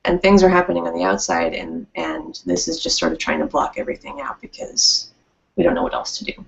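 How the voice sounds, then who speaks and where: At a workshop, a woman speaks conversationally about handling conflict at work, acting out quotes to illustrate her points. Her fairly low voice is very animated, a little fast and shows vocal fry, on a dull lo-fi recording.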